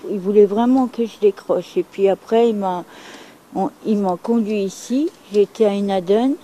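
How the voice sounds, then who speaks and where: A woman's voice: medium pitch, moderate pace, warm tone, rough recording. A middle-aged woman from France speaking frankly and bluntly about her past, repeating herself for emphasis. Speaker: interviewee. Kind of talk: candid testimony.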